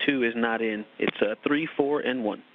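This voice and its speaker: Over a narrow, phone-like radio channel with faint hiss, a man gives procedural instructions. His mid-pitched delivery is measured, precise and formal, like a space mission communicator. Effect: radio transmission.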